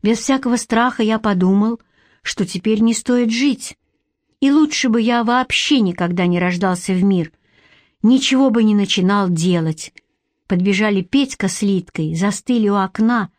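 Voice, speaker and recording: A woman reading a story aloud as audiobook narration, at a slow, measured pace. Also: mid-range voice, no room sound. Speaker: audiobook reader.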